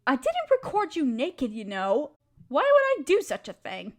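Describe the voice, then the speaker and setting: A woman plays a loving young wife in girlfriend roleplay audio, speaking intimately to her partner in a high voice at a slow, lingering pace. Heavily acted with huge pitch swings, she sounds tender and playfully teasing.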